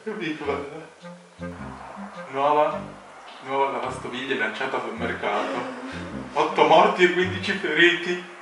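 A man's voice: on the high side, measured pace, pauses often. A young man casually delivering one-line jokes, amused and trying not to laugh. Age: young adult. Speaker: contestant in a joke challenge. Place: home kitchen, indoors at a table. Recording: echoey room, distant mic, music behind.

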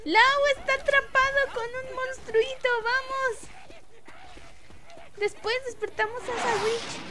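A woman streaming a game, chatting casually in a bubbly, animated way and often laughing or yelling. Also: extremely high pitch, a little hiss or hum. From Mexico. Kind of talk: casual let's-play chat.

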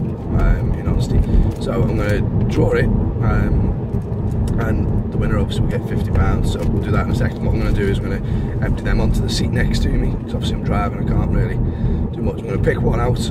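Man, hoarse sore-throated voice, casual halting vlog chat, loud road noise, distant phone mic in a car. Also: lowish voice, fairly even intonation. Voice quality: hoarse, failing voice. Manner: halting, rambling while driving. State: sore throat, losing his voice. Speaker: vlogger, game shop owner. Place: inside a moving car. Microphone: phone mounted at arm's length.

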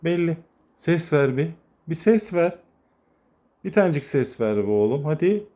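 Man, warm mellow voice, teasing kittens, playful baby talk, phone camera at home. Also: very animated, unhurried. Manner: coaxing, teasing, slipping into high baby talk. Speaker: vlogger filming his kittens. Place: home with cats.

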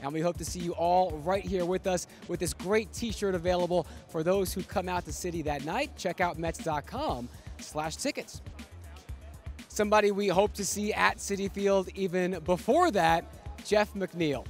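An energetic young man hosts a pregame baseball show with a bright, high-pitched voice. His scripted delivery is punchy and promotional, and faint music plays underneath him. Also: normal speed. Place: ballpark concourse and museum.

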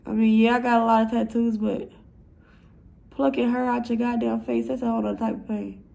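Doing a makeup routine for a casual vlog, a young woman talks in a stuffy, nasal voice, blunt and profane as she rambles along. Her pitch is fairly high and her delivery flat and brisk, with vocal fry and a warm tone.

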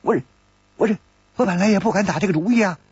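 A male storyteller voicing a nervous thief who stammers and rushes his words. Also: high voice, darkish tone, breathy edge, no echo, lo-fi sound, voice pushed up. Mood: flustered. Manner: stammering, rapid, flustered.

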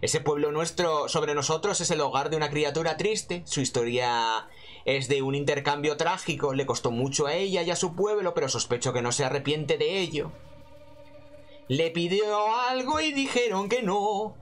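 A man's voice: fairly high pitch, normal speed, natural voice. A man with an accent from Spain voicing a sly, hungry matron bug as he reads video game dialogue in a fawning, teasing manner.

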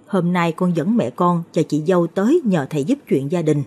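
A resolute widow from the village speaks bluntly and insistently, voiced by a woman storyteller. Her tone sits low with a husky, breathy texture. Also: animated, moderate pace, darkish tone. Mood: polite pleading.

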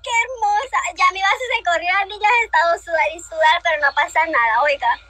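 A woman chatting on a livestream through a high-pitched chipmunk voice filter, giggly and playfully flirty. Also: brisk, raised voice, noisy background. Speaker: livestream host. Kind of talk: casual livestream chat.

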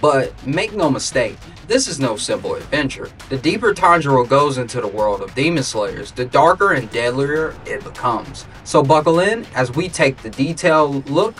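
A man's voice: medium pitch, a bit bright, distant mic. A man narrating an anime recap from a script in a dramatic, ominous manner, like a movie trailer voiceover. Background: music.

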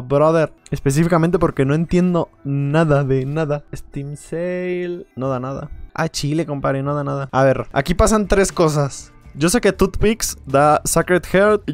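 A man giving playful, rambling let's play commentary, joking and laughing often. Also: medium pitch. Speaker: gaming video creator.

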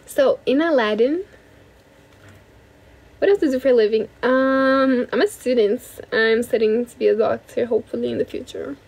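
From her bedroom, a high-voiced young woman from Brazil hosts a casual livestream at normal speed. Holding her phone out at arm's length, she talks openly with her audience, frequently expresses thanks, and sometimes changes language mid-chat.

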